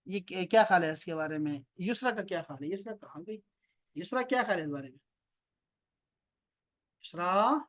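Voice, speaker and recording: Over a video call from a home near an airport, a man teaches an online Arabic lesson in a Pakistani Urdu accent. His voice is high, fairly bright, and lively in intonation, and he patiently repeats terms slowly while calling on students by name to quiz them.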